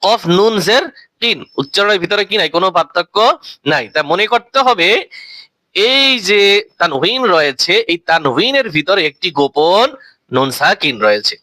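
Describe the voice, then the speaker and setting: A man's voice: high voice, lively intonation, sharp tone, no echo, poor audio. A man teaching Quran reading, who spells out letters and vowel marks, stretches each finished word into a long chanted tone, and repeats his key points as questions to the learner. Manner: drawn-out sung recitation of each word.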